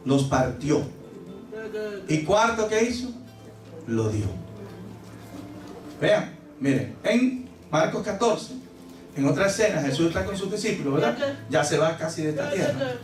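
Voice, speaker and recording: A man pastor preaching a sermon in a church, animated and theatrical, acting out scenes with loud cries. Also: high voice. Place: church service. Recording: echoey church from a distant mic, music behind.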